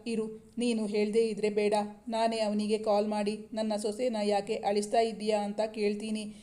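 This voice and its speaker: A woman's voice: mid-range voice, monotone, normal speed, warm tone, lightly acted. A woman voicing a fussing, tender older mother-in-law who asks question after question.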